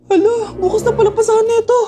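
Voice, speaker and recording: A woman's voice: very high voice, steady tone, fast talker. A woman acting out comic skits, switching between many characters in an exaggerated, playful way. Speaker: comedy skit creator playing all roles. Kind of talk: comedic skit acting. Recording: faint background music.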